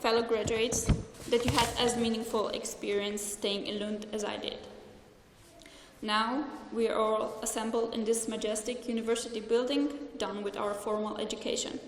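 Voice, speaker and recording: A woman's voice: fairly high pitch, slight background noise. A young woman from Slovenia giving a formal graduation speech in English at a lectern, speaking earnestly and carefully from notes, with a few small restarts. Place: large hall. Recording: echoey hall with faint ambience.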